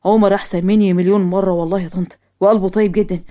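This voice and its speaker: A woman putting on a courteous young Egyptian man with a lowered, gentle voice. He pleads his case earnestly and respectfully, a calm go-between in a cartoon story. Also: very fast, natural voice. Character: polite, wealthy young man, calm mediator.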